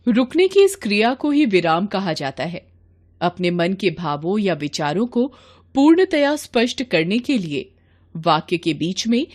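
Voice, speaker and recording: A woman reading a Hindi grammar textbook chapter aloud in a measured, pausing way, as a scripted lesson. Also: mid-range voice. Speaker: textbook reader.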